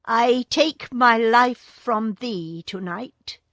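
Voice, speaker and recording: A woman's voice: on the high side, very slow, a bit bright, no echo, studio quality, pitched above the performer's own voice. Mowgli, a woman voicing an eager young boy. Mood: earnest. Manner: eager, raised voice. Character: young boy raised by wolves, earnest.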